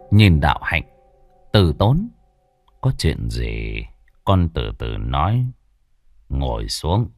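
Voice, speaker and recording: A man's voice: sits low, no room sound, clean studio sound. A man narrating a ghost story in a suspenseful, vivid cadence.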